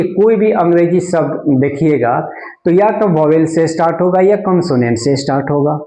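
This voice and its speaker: A man's voice: on the high side, warm tone, echoey room, poor audio. A man from India with a Bihari Hindi accent, teaching an English grammar lesson and explaining patiently, repeating words and asking his students questions.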